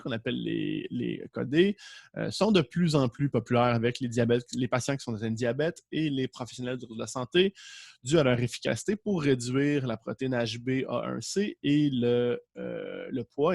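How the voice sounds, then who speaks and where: A man with a Québécois French accent teaches an online class from a home setup with a green screen. His voice carries a gravelly, creaky edge over a dry, close sound. He talks loosely, jokes around and keeps restarting his words. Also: medium pitch, no echo. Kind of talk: casual online class lecture.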